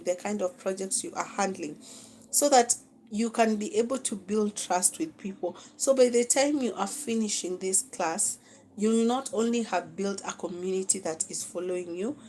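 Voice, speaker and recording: A Kenyan woman leads a live-streamed class, coaching her viewers and often circling back to repeat a point. Her voice sits at an ordinary middle pitch, and faint noise hums under the recording. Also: moderate pace, darkish tone, rough recording. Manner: coaching, repeats phrases, frequent "okay?" check-ins. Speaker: social media marketing instructor.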